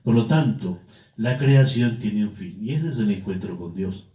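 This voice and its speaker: A man, a priest guest, explaining church doctrine in a measured way. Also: on the low side, animated. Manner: measured, with frequent filler tags and restarts. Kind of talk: catechetical explanation. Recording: echoey, dull-sounding room.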